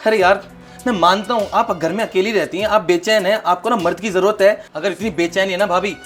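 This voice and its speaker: A man's voice: high-pitched, steady tone, fairly quick, fairly bright tone, faint music behind. A young man playing a dutiful student brother-in-law in a short film drama, earnest and exasperated. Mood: exasperated refusal. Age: young adult.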